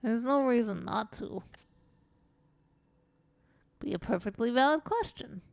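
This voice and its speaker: Woman streamer, slow and chatty, a bit high-voiced, tells stories while playing; dry, close sound. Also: animated, gravelly, a little mellow, no echo. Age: adult. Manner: rambling, chatty, swears casually. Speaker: VTuber streamer. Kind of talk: casual storytelling while playing a game.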